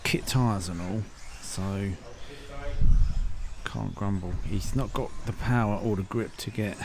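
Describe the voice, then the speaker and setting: A chatty man with a lowish voice talks slowly and informally, thinking aloud while filming at an outdoor RC race track in the evening. He hosts an RC channel, giving casual vlog commentary, and the noisy camera audio picks up RC cars and track ambience.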